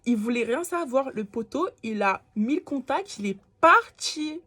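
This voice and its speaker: A young woman from France telling a personal story to camera in casual slang, animated and sometimes dropping to a whisper. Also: sits high, a little slow. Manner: animated, slangy, acts out quoted lines, drops to whispers. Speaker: storytime vlogger.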